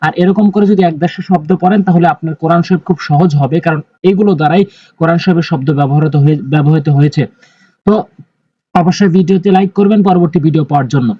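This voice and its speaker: A man teaching Quran recitation, slowly spelling out letters and drawing out the vowels, often repeating his instructions. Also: fairly high pitch, no echo, muffled recording. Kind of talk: Quran reading lesson.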